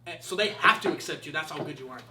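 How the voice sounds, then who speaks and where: A man's voice: fairly high pitch, expressive, rapid-fire, pushed and bright, reverberant, slight background noise. A man from Southern California, a rapper guesting on an interview, talking casually and passionately in heavy street slang with lots of swearing.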